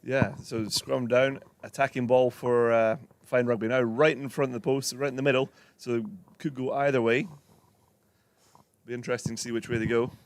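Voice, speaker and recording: A man's voice: medium pitch, flat delivery, normal speed. Chatty male rugby color commentator. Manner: chatty, teasing, laughs often.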